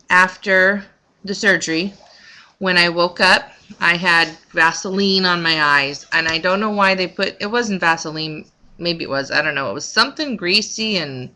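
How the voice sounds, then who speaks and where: Bright, forceful woman, lowish voice, halting vlogger. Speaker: vlogger recounting her recovery from surgery. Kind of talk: casual personal vlog monologue.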